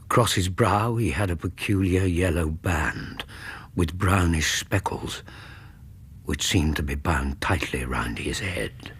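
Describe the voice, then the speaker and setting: In a grave, horrified mood, an actor voices an earnest Victorian British gentleman narrating a radio drama as a loyal companion. His husky voice is low-pitched and measured, suspenseful and literary, with a little hiss or hum in the recording.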